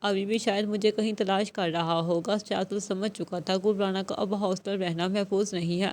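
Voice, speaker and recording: A woman narrating a romance novel aloud, steady and measured, with a mid-range voice. Her pace is even and the delivery scripted. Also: medium pitch. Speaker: novel reader.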